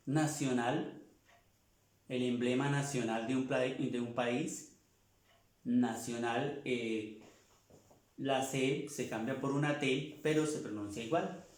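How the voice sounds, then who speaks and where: A man teaching a language class, slowly repeating and sounding out each word for his students. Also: mid-range voice, fairly even intonation, a little mellow, heavy reverb. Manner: slow, repeats words, sounds them out. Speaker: French teacher.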